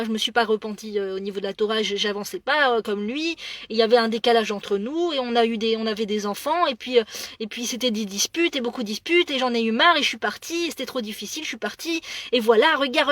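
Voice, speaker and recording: Woman, middle-aged, high voice, dry close sound, animated storytelling, repeats words. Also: no room sound. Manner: animated, acts out dialogue, many repeated words. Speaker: religious speaker. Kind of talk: storytelling monologue.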